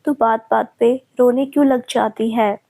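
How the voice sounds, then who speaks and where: A woman's voice: on the high side, fairly even intonation, unhurried, warm tone. Woman doing a frank, caring young friend. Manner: scolding but caring.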